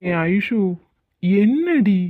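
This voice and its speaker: A woman voicing an exasperated young husband in an animated comedy, teasing and pleading with his wife. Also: medium pitch, extremely slow, no room sound, full character voice. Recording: tinny phone-like sound.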